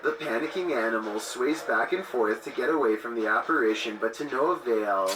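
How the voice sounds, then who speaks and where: A man's voice: medium pitch, lively intonation, brisk. A man reading scripted narration as the narrator of a scary video countdown. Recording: distant, roomy playback with loud noise.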